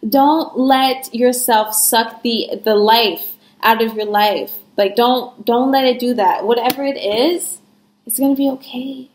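A woman's voice: on the high side, takes it slowly, hardly any pauses, darkish tone, reverberant, low-quality recording. A young woman giving a casual tarot reading, talking frankly and reassuringly with lots of fillers. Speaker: tarot reader.

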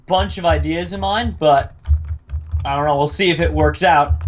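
A man's voice: fairly high pitch, normal speed, slight background noise. A man in casual gameplay chat, bantering playfully and repeating his phrases. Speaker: gaming video host and player.

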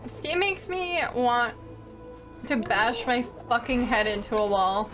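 A woman streamer reacting to a game on a livestream, excitable, shrieking and swearing. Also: a little high, unhurried, music in the background. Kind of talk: casual livestream gaming reactions.

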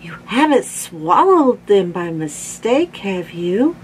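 A concerned storybook mom voiced by a woman reader asks in an anxious, raised voice. Her delivery is animated and unhurried, over faint noise. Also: mid-range voice. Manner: questioning, anxious.

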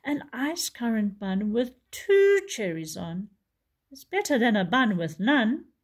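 A woman's voice: fairly high pitch, very animated, slow, exaggerated voice. A woman voicing a polite, patient male bear who pleads and sighs in a storybook reading. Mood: resigned. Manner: plaintive, pleading, sighing.

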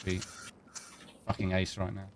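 A man's voice: deep voice, completely flat delivery, a little slow, a little hiss or hum. A man in casual squad voice chat during a shooter, giving short orders and swearing freely. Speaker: gamer in a squad.

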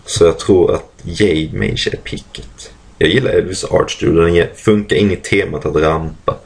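A man casually commentating a card draft in speech, thinking aloud with many fillers and frequent throat-clearing. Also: deep voice, steady tone.

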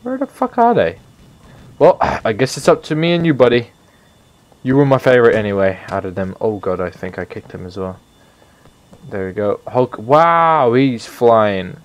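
A man giving casual, excitable gameplay commentary, swearing often and shouting at the characters on screen. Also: on the low side, moderate pace. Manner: excitable, swears a lot, talks to the game characters. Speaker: gaming commentator.

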